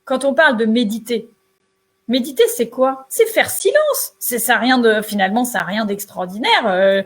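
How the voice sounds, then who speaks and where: Woman, co-host, casual motivational chat, emphatic, colloquial, fairly high pitch. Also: lively intonation, moderate pace. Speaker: entrepreneur and show co-host.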